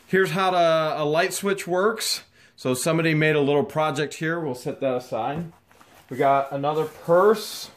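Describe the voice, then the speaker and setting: An excited, chatty man hosting a casual unboxing vlog in a dusty garage, talking to the camera as he goes through boxes. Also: on the high side, normal speed. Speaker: host.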